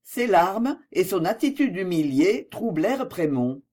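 A woman's voice: on the low side, big pitch swings, a little slow, mellow. A woman reading a novel aloud as an audiobook narrator, with dramatic expression.

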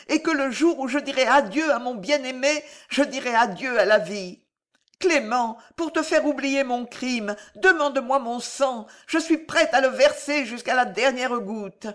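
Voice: high-pitched, a bit bright, voice pushed up. A reader doing a fierce anguished young woman. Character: desperate young woman torn by forbidden love. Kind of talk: dramatic audiobook reading.

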